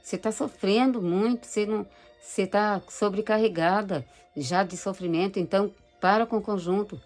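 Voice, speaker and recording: A woman's voice: medium pitch, moderate pace, darkish tone, faint music behind, close to an everyday voice. A woman voicing an insistent tempting devil who presses with mock concern, quoted in a personal testimony. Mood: pressing.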